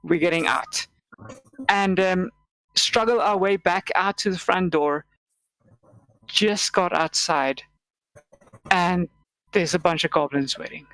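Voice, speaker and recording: A South African woman telling a funny tabletop game story in a casual, animated way on a podcast. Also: on the low side, takes it slowly, pauses often, no echo, low-quality recording. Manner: animated, acts out quotes. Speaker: podcast guest.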